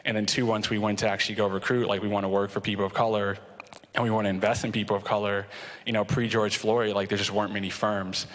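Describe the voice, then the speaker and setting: A young man speaking fast on a conference stage, his low voice staying fairly flat. He tells his story in a relaxed way, full of "like" fillers. Long reverb from a big hall trails each phrase. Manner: conversational, leans on "like" fillers. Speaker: panelist, venture fund co-founder. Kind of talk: casual storytelling on a panel.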